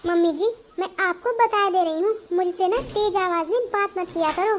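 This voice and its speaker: A woman voicing a headstrong young bride in a cartoon, talking back sharply in a very high voice. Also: moderate pace, slight background noise. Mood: defiant. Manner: defiant, talks back sharply. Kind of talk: Hindi cartoon voice acting.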